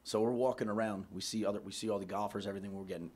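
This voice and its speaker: A male co-host with a lowish, husky voice rattles off blunt, joking sports talk at a quick clip. He swears freely and keeps the banter rough and easy. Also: fairly even intonation, darkish tone. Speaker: radio show co-host. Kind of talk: casual sports chat.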